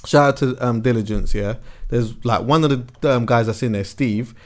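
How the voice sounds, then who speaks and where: A man's voice: mid-range voice, normal speed. Slangy young-sounding London roadman in casual chat. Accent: London, urban roadman slang. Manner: slangy, street-style phrasing. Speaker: host.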